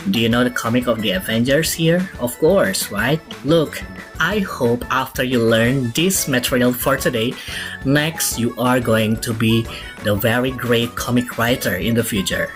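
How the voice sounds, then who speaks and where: A man's voice: mid-range voice, a bit bright. A man with an Indonesian accent teaching students as an eager children's host, chatty and often checking in with questions. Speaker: English teacher. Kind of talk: bilingual lesson presentation for students.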